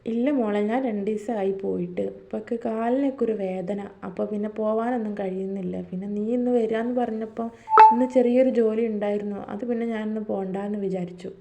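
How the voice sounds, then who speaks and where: A woman's voice: mid-range voice, steady tone, a little fast, mellow, a little hiss or hum, natural voice. A woman doing a tired old father. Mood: weary. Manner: weary, coaxing. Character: aging father, poor, tired, kindly.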